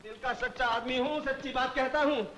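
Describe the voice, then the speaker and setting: A proud young man who sulks and mocks out of hurt. His voice is high and bright. He talks in old Hindi film style. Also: fairly even intonation, brisk, slight background noise. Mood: sulky. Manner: sarcastic, sulky. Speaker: hotel keeper, big brother. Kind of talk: 1970s Hindi film acting.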